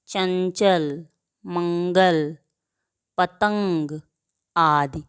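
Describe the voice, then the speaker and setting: A woman's voice: lowish voice, no room sound, clean studio sound. A woman teaching a grade-school grammar lesson who asks her own questions and answers them, and drawls out example words to show how they sound.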